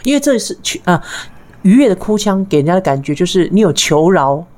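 A woman's voice: fairly low pitch, very animated, a little fast, mellow. A woman, co-hosting a casual radio chat and giggling as she explains tips. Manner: giggly, demonstrates sounds playfully. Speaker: co-host teaching intimacy tips.

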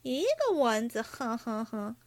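Brash crude young rich guy, woman doing him, loud blustery, fast, dry mic. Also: fairly high pitch, very animated, no room sound. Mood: blustering.

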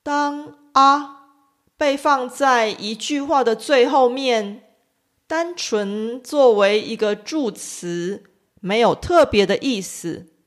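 A woman teaching a language lesson, explaining pronunciation with deliberate, clearly enunciated speech. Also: a little high.

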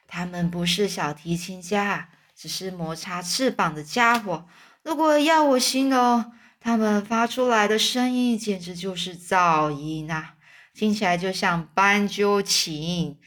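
A woman voicing a kind old male grasshopper who plays the violin, speaking gently and slowly, as in a children's storybook. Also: mid-range voice. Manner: gentle, slow and patient explaining.

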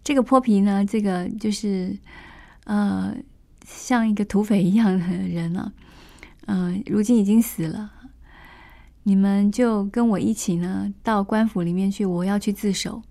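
A proud male swordsman from an old tale, measured and reasoning, holding back his temper, as a woman storyteller voices him. He speaks at an ordinary mid pitch with firm, level delivery. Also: steady tone, gravelly, mellow. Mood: resolute. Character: proud male swordsman, restrained then angry.

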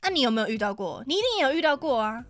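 A woman's voice: on the high side, animated, rapid-fire, soft background music. A woman with a Taiwanese Mandarin accent, animatedly telling a story on a casual podcast, swearing often and acting out what people said. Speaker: podcast co-host.

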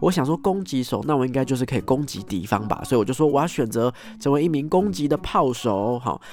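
Animated male storyteller. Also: medium pitch, quick pace. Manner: animated, acts out scenes, frequent tag particles. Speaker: host. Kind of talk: casual storytelling monologue.

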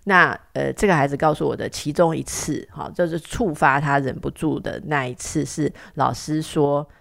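A Taiwanese woman host, a psychotherapist, recounts a case in lively, chatty talk. Her voice has a gravelly, creaky edge. She keeps asking rhetorical questions and repeating herself. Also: deep voice, moderate pace. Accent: Taiwanese Mandarin. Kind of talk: casual conversational storytelling.

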